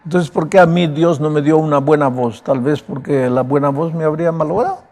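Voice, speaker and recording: A pastor giving a sermon, with a broken, raspy voice and an emphatic, conversational way of preaching. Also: male voice, on the high side, a little fast, darkish tone.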